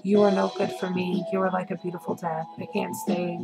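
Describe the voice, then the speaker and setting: Brief: gentle low vampire lover in a recited poem, read by a woman, gravelly and even. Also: fairly quick, over music. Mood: tender. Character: seductive vampire in a dark poem.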